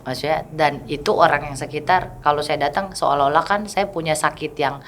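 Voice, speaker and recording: A woman's voice: low-pitched, fairly quick, slight background noise. A woman in her thirties, a mother giving an interview, telling her story candidly and often acting out what other people said to her. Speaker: mother of a child with a rare condition, interview guest. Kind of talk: casual interview talk.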